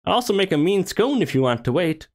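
A man's voice: sits high, sing-song, fast talker, pitched above the performer's own voice. A man voicing a female witch baker who speaks in a coaxing, sing-song way.

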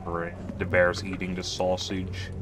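Wry, low-voiced man playing a game. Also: completely flat delivery, measured pace, over music. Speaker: gaming youtuber. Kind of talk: casual game commentary.

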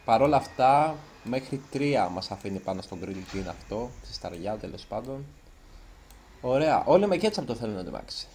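A nervous man chats his way through a video game in let's play commentary, his voice sitting at an ordinary middle pitch. He is self-conscious and trips over his words now and then. Faint background noise hums under the recording. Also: sing-song, a little mellow. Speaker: gaming YouTuber.

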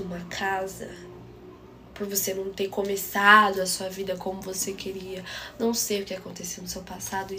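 A young woman tells a dramatic personal story and speaks straight to her listeners. Her voice sits at a middle pitch and carries intense feeling. A faint hiss runs under the recording. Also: pushed and bright.

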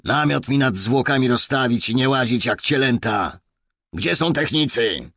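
A man voicing a gruff, hardened middle-aged male police inspector who talks curtly and barks orders. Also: deep voice, animated, normal speed, sharp tone, no echo, studio quality, heavily acted. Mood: angry. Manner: curt, barking orders.

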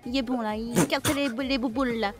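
Woman putting on a high chirpy foreign medic. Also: fairly even intonation, fast talker, over music, close to an everyday voice. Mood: babbling. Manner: broken pidgin speech, repeats herself. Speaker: streamer role-playing a medic. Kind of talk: in-character game role-play.

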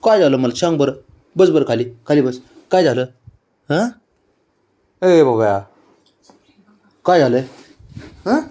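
A man's voice: medium pitch, expressive, slow, long pauses, warm tone. A man coaxing his pet cat in doting baby talk at home late at night. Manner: coaxing, doting sing-song. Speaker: pet owner.

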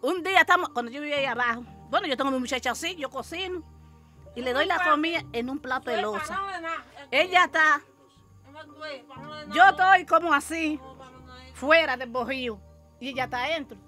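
High, bright older woman. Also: a little fast, long pauses, faint music behind. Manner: animated storytelling, acting out shouts and quotes. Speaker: mother telling her story. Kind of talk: interview storytelling.

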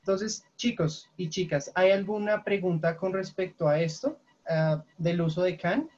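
A woman's voice: on the low side, measured pace, darkish tone. A woman teaching an English class over a video call, explaining grammar patiently and checking often for questions. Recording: lo-fi online call audio.

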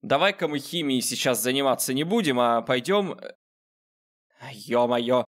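Male gaming host, mid-pitched, casual, sarcastic commentary aimed at the character on screen. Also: animated, moderate pace. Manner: sarcastic, talks to the game character. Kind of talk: casual joking gameplay commentary.

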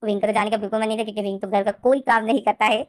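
A woman retelling her own fan-fiction story in a rapid, repetitive narration. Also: medium pitch, fairly even intonation, a little mellow, dry recording, studio quality.

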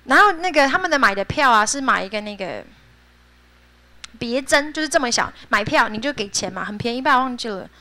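Bright, high-voiced teacher. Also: female voice. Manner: chatty and playful, laughs often, drills pronunciation. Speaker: high school English teacher. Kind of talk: classroom vocabulary lesson.

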